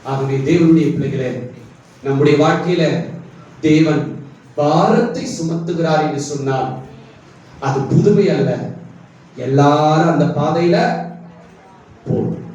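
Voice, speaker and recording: Male pastor, high voice, preaching in a questioning call style, picked up from a distance in a very echoey hall. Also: slow pace, long pauses, a little mellow, highs cut off. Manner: preaching with questions to the congregation, pitch swinging high and low. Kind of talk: sermon.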